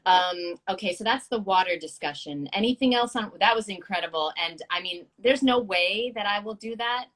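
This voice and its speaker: A woman in her thirties hosting a casual live-stream chat, excitable and quick to laugh, swearing casually. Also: mid-range voice. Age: 30s. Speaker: show host.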